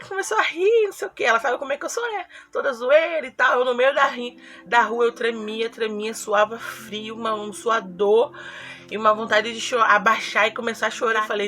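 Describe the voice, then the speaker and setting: A young woman with a bright, clear voice speaks earnestly to her viewers in a personal confessional vlog. She tells her story and acts out the things she said to herself, with soft music playing faintly behind her. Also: mid-range voice. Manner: earnest, storytelling with acted-out quotes. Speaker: YouTuber.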